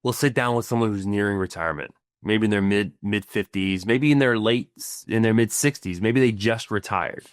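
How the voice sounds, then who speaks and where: A lowish, smooth voice comes from a middle-aged financial planner co-hosting a podcast, speaking at a moderate pace with few pauses. He explains ideas casually, with stumbling restarts and plenty of "right?" tag questions. The studio-quality audio has no room sound.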